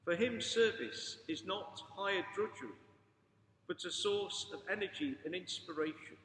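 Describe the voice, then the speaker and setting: A man with a fairly high-pitched voice delivers a solemn pulpit sermon. His phrasing is formal and measured, as a priest reads scripture or preaches a homily. The sound is very echoey, ringing with the long reverb of a large hall. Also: a bit bright, a little hiss or hum.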